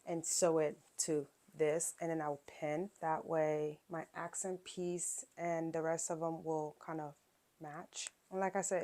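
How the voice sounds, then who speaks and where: A woman's voice: deep voice, darkish tone. A woman hosting a quilting channel, casually talking through each sewing step, with frequent fillers and check-ins. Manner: chatty step-by-step explaining with fillers.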